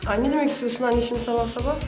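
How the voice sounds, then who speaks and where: A woman's voice: fairly high pitch, steady tone, rapid-fire, music in the background, lightly acted. A woman playing a sulky young daughter. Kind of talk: sitcom acting.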